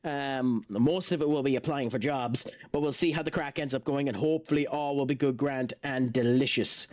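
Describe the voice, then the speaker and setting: A man's voice: mid-range voice, moderate pace. An Irish man streaming a game, chatting in an easygoing way and reading out chat. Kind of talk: casual live-stream chat.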